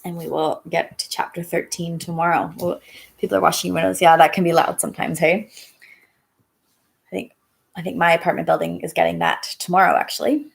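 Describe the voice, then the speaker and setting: A woman teacher reading a story aloud on a live stream, then chatting with her viewers in a halting, casual way. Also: on the low side, little pitch movement, creaky.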